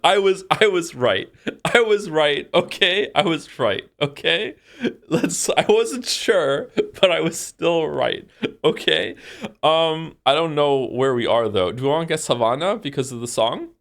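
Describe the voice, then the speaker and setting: Around forty, this game streamer sounds animated yet a little slow, his voice creaky, congested, and fairly bright. Chatting casually on a live stream, he rambles through fillers and restarts in a low-key, slightly self-mocking way.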